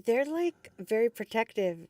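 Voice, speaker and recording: A woman's voice: fairly high pitch, very animated, moderate pace, darkish tone, no echo, studio quality, distant mic. A middle-aged woman talking casually in conversation.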